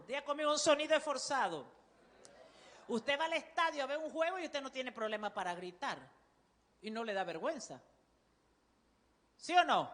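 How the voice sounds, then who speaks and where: Woman pastor, Panamanian Spanish accent, sermon delivery, bright and piercing. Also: sits high, big-room sound. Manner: forceful, loud preaching voice; calls on the congregation to repeat.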